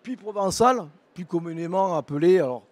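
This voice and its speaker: A man's voice: sits high, animated, normal speed, a little mellow, no room sound. Hesitant southern French man presenting. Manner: hesitant, heavy use of filler words and restarts. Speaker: vocational program presenter. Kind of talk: conference talk at an education fair.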